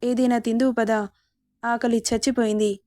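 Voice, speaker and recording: A woman's voice: a little high, little pitch movement, normal speed, dark tone, lightly acted. A woman voicing a stubborn, loyal young man in a storybook, speaking insistently.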